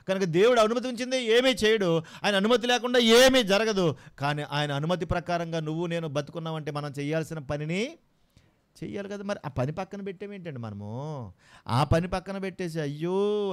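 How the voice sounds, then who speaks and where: Impassioned male preacher, slightly high voice. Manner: impassioned, full of rhetorical questions to the congregation. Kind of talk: sermon.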